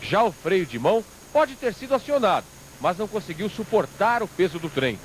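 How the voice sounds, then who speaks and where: A man's voice: high voice, big pitch swings, fairly quick, slight background noise. A Brazilian man reading a scripted television news report as a reporter.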